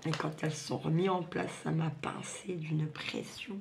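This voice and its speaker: A woman talks in a fairly low, gravelly voice, her sibilants softened by a lisp. She chats informally and bluntly, drifting from one aside to another like a craft vlogger. The recording has clear background noise. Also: level tone, normal speed. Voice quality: lisping, slightly slurred sibilants from dental appliance. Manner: colloquial, digressive, blunt. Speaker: craft video host. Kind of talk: casual rambling chat to viewers.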